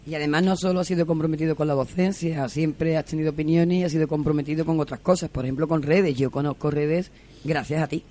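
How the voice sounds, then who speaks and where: A man hosting a local radio show, chatting in a lively, teasing way. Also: on the high side, quick pace. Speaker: radio host. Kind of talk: casual chat.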